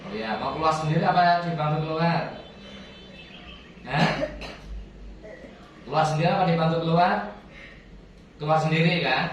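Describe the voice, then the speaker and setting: A man's voice: on the high side, normal speed, long pauses, a little hiss or hum. Man chanting in echoey room. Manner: commanding and coaxing, addressing an unseen spirit. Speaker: ruqyah healer. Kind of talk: spiritual healing session, chanting verses. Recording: very echoey room, distant mic.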